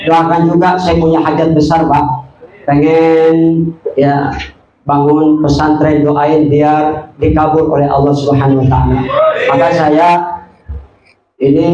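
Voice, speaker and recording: A man's voice: a little high, warm tone, roomy sound, lo-fi sound, a little hiss or hum. An older man preaching a comic sermon, joking and teasing his audience between prayers. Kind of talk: comic sermon at a religious gathering. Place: live religious event, crowd gathering.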